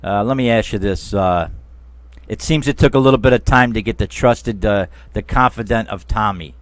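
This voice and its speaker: A man's voice: on the low side, normal speed, no room sound. A man hosting a talk show interview, emphatic and chatty, speaking to his listeners as friends. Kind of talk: casual interview.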